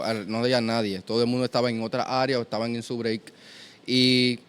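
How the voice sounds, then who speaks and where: A man's voice: mid-range voice, clear, resonant tone. Earnest young man telling his story. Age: 20s. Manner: earnest, storytelling with many restarts. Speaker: guest. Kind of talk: testimony in a conversation.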